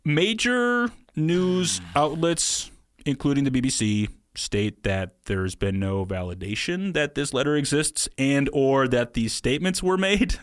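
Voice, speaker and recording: A man's voice: medium pitch, expressive, measured pace, dry recording, studio quality. A man in his thirties co-hosting a casual podcast, presenting a theory in a wry, hedging way. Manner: wry, hedging, laughs at own claims.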